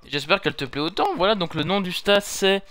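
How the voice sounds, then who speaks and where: Young male gaming commentator, casual and rambling, bright tone, fairly high voice. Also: quick pace, slight background noise. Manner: chatty, rambling, self-correcting. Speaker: gaming YouTuber. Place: home gaming setup.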